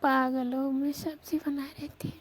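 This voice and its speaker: A woman plays a shy, devoted young married village woman from Rajasthan talking to her secret lover by phone, in an acted prank call recording. She speaks hushed and low so neighbours won't hear, shy and tender but flat and unhurried, on a noisy phone line.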